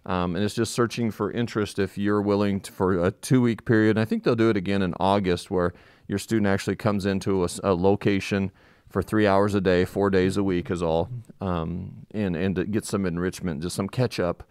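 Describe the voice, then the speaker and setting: A man with a low, smooth voice explains things in an informal live-podcast way. He talks through a face mask, so he sounds slightly muffled, and the room adds very little echo. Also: fairly even intonation, fairly quick, a little mellow, clean studio sound. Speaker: school administrator co-hosting a community update.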